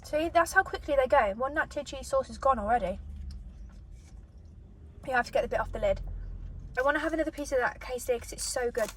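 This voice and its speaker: A British mukbang host chats casually to camera while eating and reviewing food, pausing for bites. Her voice is high with a sharp tone, picked up by a distant microphone with noticeable background noise.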